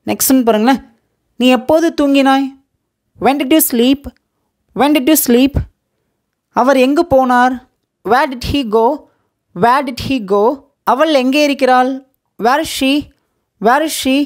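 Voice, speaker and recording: A woman with a Tamil accent teaching a spoken English lesson, saying each question twice with careful, drawn-out repeats and quicker asides between them. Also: sits high. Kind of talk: slow repeat-after-me language lesson.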